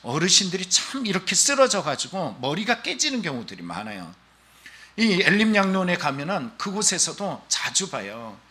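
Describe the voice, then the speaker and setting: A man's voice: high-pitched, normal speed. A male pastor preaching a Sunday sermon, telling stories and acting out the voices of the people in them. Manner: animated storytelling preaching, acting out quoted voices.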